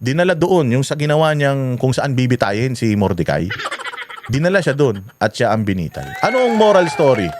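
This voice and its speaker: Animated man telling a story, laughing. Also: medium pitch, moderate pace, background noise. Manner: animated, laughing, full of fillers. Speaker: host. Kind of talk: casual storytelling commentary.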